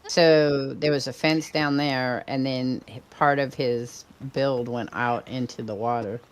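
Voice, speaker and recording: A woman's voice: rumbling low, steady tone, unhurried, smooth. An older woman streaming a video game, chatting casually and rambling, often trailing off mid-sentence. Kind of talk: casual gameplay chat.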